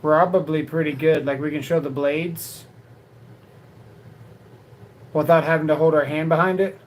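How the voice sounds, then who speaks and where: A man's voice: fairly high pitch, fairly even intonation, normal speed, a little hiss or hum, low-quality recording. A man hosting a live tool video, chatting casually with viewers and often repeating his words as he goes. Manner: rambling, repeats words, talks to viewers as "guys" and "dude". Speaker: YouTube tool channel host. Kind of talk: casual livestream chat.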